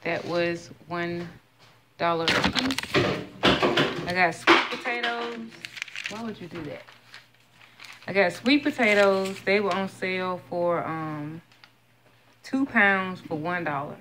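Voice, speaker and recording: A woman in her thirties, a vlogger, chats casually in her home kitchen while showing off a grocery haul item by item and listing each price. Her voice is lowish and she takes it slowly, pausing often. The phone camera is held close, and there's background noise.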